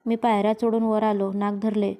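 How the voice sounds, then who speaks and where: A woman reading a story aloud in a steady, even storybook manner. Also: medium pitch, normal speed. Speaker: reader.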